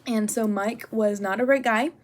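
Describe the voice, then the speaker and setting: A woman's voice: on the high side, steady tone, moderate pace. A young woman student talking casually through an assignment, full of "like" and "um", candid and getting worked up over a personal story. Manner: chatty, lots of "like" and "um". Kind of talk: casual spoken assignment response.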